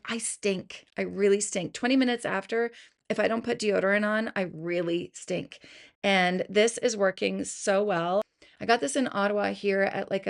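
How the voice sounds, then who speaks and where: A woman's voice: mid-range voice, creaky. A Canadian woman in her fifties, chatting casually on a livestream from her basement home studio, oversharing and apologizing as she greets viewers, through her computer's built-in mic. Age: 50s. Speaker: beauty vlogger. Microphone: computer mic, no good equipment.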